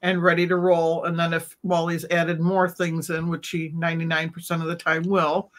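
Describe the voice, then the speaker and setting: A middle-aged woman on a video call from home, calmly explaining her routine step by step as an interview guest. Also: lowish voice, moderate pace. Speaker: reptile vendor guest. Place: home room. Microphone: webcam on a video call.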